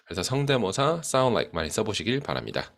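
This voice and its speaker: Deep-voiced man teaching English phrases. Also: vocal fry. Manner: explains phrases slowly, reading example lines with lively pitch. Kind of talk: Korean-language English lesson.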